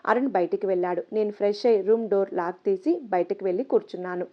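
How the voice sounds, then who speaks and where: A woman narrating a first-person story in a soft, steady reading voice. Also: mid-range voice, fast. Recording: slightly dull lo-fi audio.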